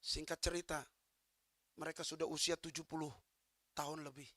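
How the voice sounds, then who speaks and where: A pastor preaching a sermon, swinging from soft talk to fervent shouting and quizzing the congregation with quick questions. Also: mid-range voice, little pitch movement, no room sound, studio quality.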